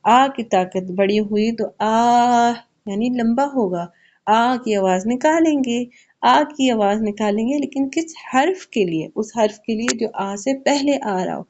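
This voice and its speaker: A woman's voice: a little high, a little mellow, highs cut off. A woman teaching children Quran recitation, explaining each rule patiently and asking questions she then answers herself. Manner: slows to recite verses carefully. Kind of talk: Quran tajweed lesson for kids.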